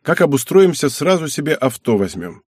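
A male narrator plays a calm, wry family man who teases his wife and soothes her. The voice is husky and close, recorded dry like a storybook reading. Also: a little high, moderate pace, no room sound, voice pushed up. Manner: relaxed, mildly teasing. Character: calm, wry middle-aged husband and father.

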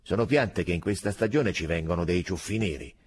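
A man voicing a calm, dutiful army sergeant who speaks evenly and slowly. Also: sits low, husky. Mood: steady. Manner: even, slow, dutiful, matter-of-fact. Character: calm older male army sergeant, by-the-book.

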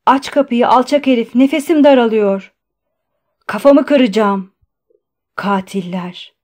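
A woman reads the part of an enraged inmate, loud and indignant, pounding out accusations. The voice is raised and a little higher than her narration, in a storybook reading. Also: a little slow. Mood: furious. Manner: shouting, indignant. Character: furious male asylum inmate, defiant and shouting.

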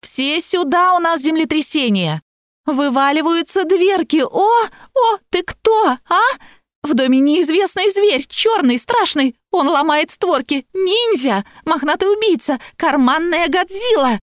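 A woman reading an audiobook, voicing a hysterical young woman who talks in shrill, rapid, tearful bursts. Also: animated, dry recording, studio quality. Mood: panicked. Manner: shrill, rapid, sobbing panic.

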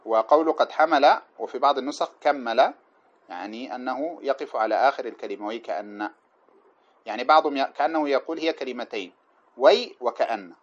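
A man teaching a class on an old didactic poem, chanting the verses slowly and then explaining them in quick, plain lecture speech. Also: medium pitch. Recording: dull lo-fi lecture recording.

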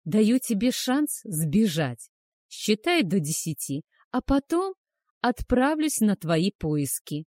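A woman's voice: mid-range voice, sing-song, slow, no room sound, clean studio sound. Woman voicing a menacing werewolf man. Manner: harsh, menacing, loud. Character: cruel brooding male werewolf hunter.

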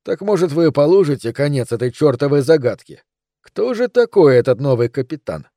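A man voicing a sharp detective who teases his colleagues in a dry, plain voice. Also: a little high, sing-song, normal speed, no echo. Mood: teasing. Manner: dry teasing. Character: male detective, sharp, teasing, young adult.

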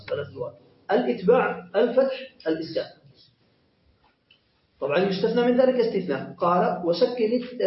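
High-voiced man teaching in an echoey room. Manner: asks questions and answers them himself; patient, repeats points and corrects himself. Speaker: Arabic grammar teacher. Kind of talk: classroom grammar lesson. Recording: echoey muffled lo-fi lesson recording.

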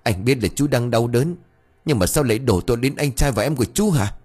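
A man's voice: medium pitch, lively intonation, fairly quick, darkish tone, breathy edge, soft background music, voice pushed up. A man voicing a frightened older brother who begs and pleads through tears. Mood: pleading. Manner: begging, tearful pleading.

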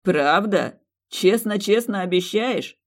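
Narrator doing a hurt, sardonic young fiancé. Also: male voice, a little high, expressive, normal speed. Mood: teasing, ironic. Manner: mocking, wryly ironic. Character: hurt young fiancé, bitter but forgiving.

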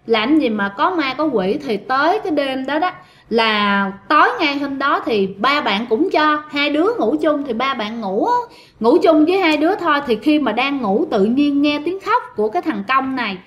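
A woman's voice: high-pitched, expressive, moderate pace, a bit bright, dull audio. A woman hosting a ghost story show, telling tales in a chatty way and speaking straight to her listeners. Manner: chatty, addresses listeners directly. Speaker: ghost story podcast host. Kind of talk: casual storytelling.

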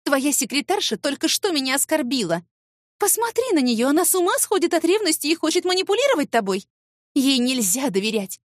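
A catty young woman spits accusations and mockery at her rival, her voice pitched up and leaping all over the place, voiced by a woman narrator. The reading is close and dry. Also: big pitch swings, a little fast, no room sound. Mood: shrill whining. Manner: sneering, shrill and accusing.

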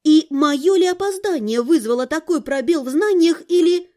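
A woman's voice: sits high, animated, normal speed, mellow. A woman reading a first-person audiobook in an ironic, colloquial storytelling manner. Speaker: audiobook narrator.

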